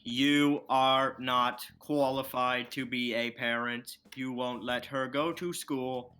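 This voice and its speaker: A man's voice: medium pitch, fairly even intonation, slow, bright, forceful tone, faint music behind. A man voicing a scheming old man who pretends to be a cheerful elderly customer, with sly, mock-robotic threats. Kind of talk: fan comedy dub.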